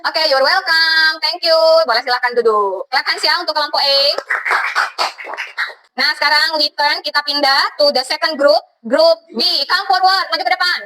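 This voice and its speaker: Woman, Indonesian accent, teacher, classroom, encouraging, very bright tone. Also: sits high, moderate pace, slight background noise, rough recording. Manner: encouraging, mixes English phrases into Indonesian. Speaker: English teacher. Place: school classroom.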